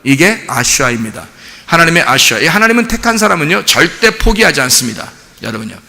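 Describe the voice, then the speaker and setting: A male pastor preaching a sermon with animated delivery, often firing rhetorical questions at the congregation. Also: on the high side, fast talker, vocal fry, big-room sound. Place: church sanctuary.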